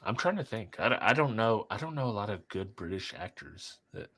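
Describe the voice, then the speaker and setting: A man's voice: on the low side, big pitch swings, brisk, sharp tone. A man with a Southern US accent co-hosting a casual movie chat, easygoing and agreeable. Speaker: podcast co-host.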